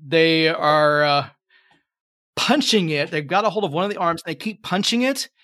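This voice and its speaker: A young man running a tabletop game as game master, narrating slowly and dramatically with playful asides. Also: a little high, bright, forceful tone.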